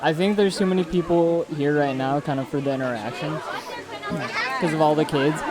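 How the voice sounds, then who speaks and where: Loud crowd noise surrounds this vlog host as he tours a busy theme park outside. Speaking a little fast in a slightly high voice, he explains things casually, much like a tour guide.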